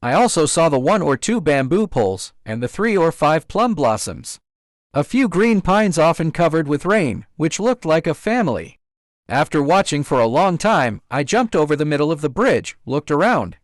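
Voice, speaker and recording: Man reading an old fairy tale out loud, slightly high voice, super dry close sound. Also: big pitch swings, normal speed, no room sound. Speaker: storyteller. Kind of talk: scripted storybook narration.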